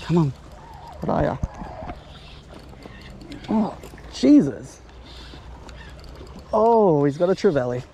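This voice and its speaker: A young Australian man chatting excitedly while fishing on a lake bank, swearing and cheering his catch on, recorded on a chest-mounted action camera. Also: fairly high pitch, slow pace, pauses often, slight background noise. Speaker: fishing vlogger. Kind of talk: casual chat while fishing.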